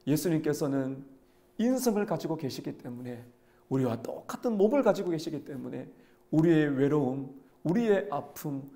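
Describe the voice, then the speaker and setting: Gravelly-voiced male pastor preaching. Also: fairly high pitch, animated, normal speed, mellow. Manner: earnest, rhetorical questions to the congregation. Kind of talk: sermon.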